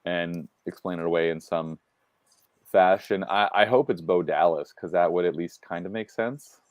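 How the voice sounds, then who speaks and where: A man with a deep, low voice talks in a loose, rambling way, full of fillers and restarts. The sound is dry and close, with no room around it. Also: normal speed, dry recording. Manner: rambling, heavy use of "like" and fillers. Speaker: wrestling show co-host. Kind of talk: casual chat.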